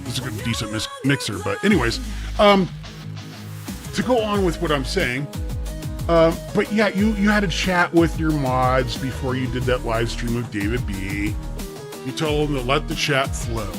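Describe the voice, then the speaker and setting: A man's voice: medium pitch, expressive, normal speed, music in the background. A man live streaming through an overmodulated, clipping mic, confronting a rival streamer. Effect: overmodulated, clipping distorted mic. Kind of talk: livestream rant.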